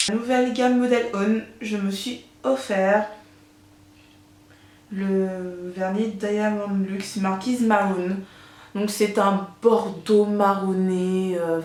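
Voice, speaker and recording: A woman's voice: mid-range voice, a little mellow. A woman presenting a casual beauty haul, chatty and enthusiastic, with many fillers, recorded on a camera mic at home. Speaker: beauty vlogger. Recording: echoey room.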